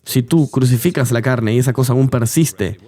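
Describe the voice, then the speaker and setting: A man's voice: medium pitch, moderate pace, mellow. A man telling his testimony earnestly as an interview guest, in a dubbed voice-over of an interview.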